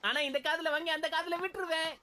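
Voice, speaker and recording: A woman voicing a loud, pushy bully schoolboy with an in a dubbed cartoon. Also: extremely high pitch, fairly even intonation, fast talker, heavy background noise. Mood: grumbling. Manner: brash, bossy, smug. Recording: cartoon music underneath.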